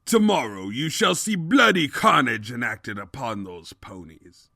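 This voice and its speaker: A man's voice: medium pitch, sing-song, a little slow, gravelly, pushed and bright, husky, dry recording, studio quality, heavily acted. A man playing a pompous, scheming and boastful evil pony king in a comic audio drama, with grandiose, theatrical delivery. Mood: villainous bluster.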